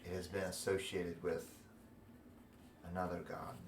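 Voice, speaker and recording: An ancient, wise talking tree, acted out by a man in a tabletop fantasy game. It speaks solemnly and disapprovingly, with weighty gravity. The low voice echoes in a room over noisy ambience. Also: completely flat delivery, distant mic. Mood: grave, solemn. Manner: slow, solemn, portentous. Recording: roomy echo, noisy background ambience.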